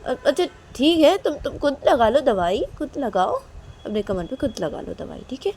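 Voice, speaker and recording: A woman's voice: medium pitch, normal speed, creaky, dark tone, slightly rough. A woman voicing a caring young woman who pleads and coaxes her partner over and over. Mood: pleading coaxing. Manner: pleading, coaxing, repeating "please".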